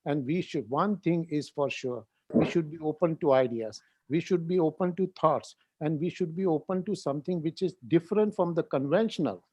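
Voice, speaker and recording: A senior neurosurgeon, insistent and lecturing in a heated panel discussion, repeating phrases for emphasis. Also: male voice, fairly high pitch, moderate pace, darkish tone, slightly rough, dry recording.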